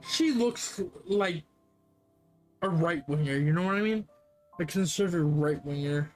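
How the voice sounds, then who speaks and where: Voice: medium pitch, measured pace. Live-stream game narrator; wry, muttering asides, faint music under the voice. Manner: sarcastic, swears and mutters asides. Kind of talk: live game read-through with commentary.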